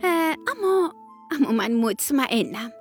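A woman storyteller narrating a children's bedtime story on radio, gentle and expressive. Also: sits high, soft background music.

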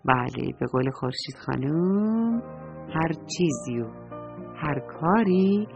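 A woman's voice: low-pitched, lively intonation, vocal fry, dull audio, over music. A woman narrating a bedtime story for children, speaking tenderly and addressing them directly.

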